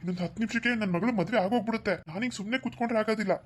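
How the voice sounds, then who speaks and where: A woman's voice: medium pitch, very fast, a little mellow, slight background noise, close to an everyday voice. A woman voicing a stern, protective middle-aged father in a cartoon, firm and commanding. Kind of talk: cartoon voice acting.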